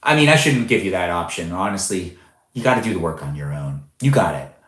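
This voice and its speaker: A man's voice: deep voice, animated, fairly quick, fairly bright tone, roomy sound. A man in his twenties hosting a live stream, casually chatting and reading out viewer comments with frequent laughs. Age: 20s. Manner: chatty, reads viewer names aloud, laughs often. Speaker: livestream host.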